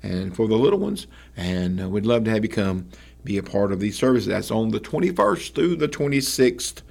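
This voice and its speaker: A man, hosting a church radio broadcast and giving announcements in a folksy, halting way with many fillers and amens. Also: lowish voice, big pitch swings, creaky, darkish tone. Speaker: radio host and church pastor.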